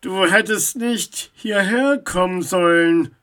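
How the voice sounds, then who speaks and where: Woman doing a mysterious voice from the dark, ominous, slow and measured, storybook. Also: mid-range voice. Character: unseen menacing voice from the dark above.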